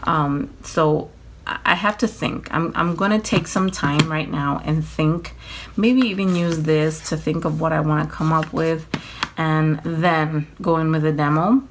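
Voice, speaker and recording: A tired woman chatting casually through a nail-kit unboxing at home, rambling, apologizing and filling pauses with ums. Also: sits low, steady tone, noisy background. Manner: rambling, apologetic, many fillers, laughs often. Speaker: nail vlogger.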